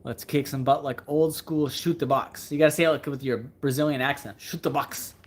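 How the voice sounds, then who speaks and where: Responding to viewer comments in a casual livestream, a male fishing creator thinks out loud, rambling and repeating phrases to drive his points home. His husky, unpolished voice sits at a middle pitch, steady in tone and a little fast.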